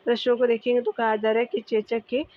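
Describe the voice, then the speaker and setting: A woman's voice: a little high, fast. Woman teacher reading quiz answers. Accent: Bihari Hindi. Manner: steady, repetitive, addresses viewers as dear. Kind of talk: exam quiz answer walkthrough. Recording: dull lo-fi recording.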